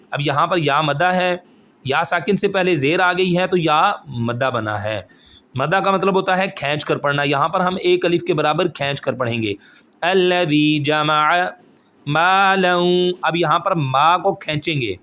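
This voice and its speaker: A man's voice: on the high side, a bit bright. A man teaching Quran recitation rules step by step, explaining patiently and often checking that the listener follows. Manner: explains rules patiently, then recites phrases slowly and drawn out.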